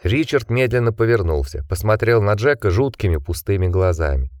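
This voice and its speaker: A man narrating an audiobook in an expressive reading style. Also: on the low side, a little fast, no room sound, studio quality. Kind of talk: scripted narration.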